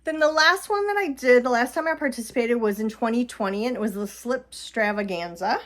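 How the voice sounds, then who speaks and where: At home, a knitting podcast host chats casually on her vlog, showing off her shawls and other knitted projects. Her voice is on the high side and a little fast, and she laughs and uses fillers often.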